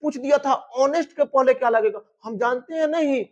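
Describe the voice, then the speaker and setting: A man's voice: very high voice, moderate pace, lo-fi sound, pitched above the performer's own voice. A man voicing a cocky, overconfident teenage boy student who drawls and boasts. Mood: smug.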